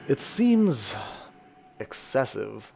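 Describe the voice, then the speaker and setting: A man's voice: mid-range voice, very animated, very slow, gravelly, warm tone, exaggerated voice. A man voicing a weary, bitter male vampire assassin in a text game, speaking in a subdued, ashen tone.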